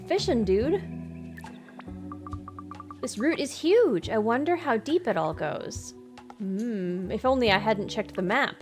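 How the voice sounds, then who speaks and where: Slow, chatty woman streamer. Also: on the high side, a little mellow. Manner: chatty, apologetic, giggly. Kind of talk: live game commentary.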